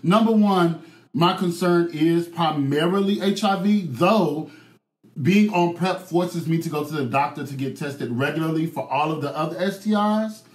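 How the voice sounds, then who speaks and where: A man talking loudly and excitedly, almost yelling, as he makes his points emphatically in a panel discussion. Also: fairly high pitch, normal speed. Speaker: podcast panel guest. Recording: echoey, roomy sound.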